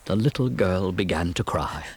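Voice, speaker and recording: Lively low-voiced male storybook narrator. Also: normal speed, slight background noise. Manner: expressive, dramatic storytelling.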